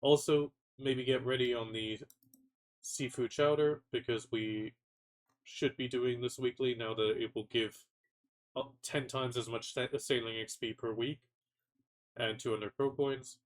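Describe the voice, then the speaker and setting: A man's voice: medium pitch, steady tone, unhurried. Man, nasal cold voice, stuffy, casual patch notes rundown, trips over words. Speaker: gaming content creator.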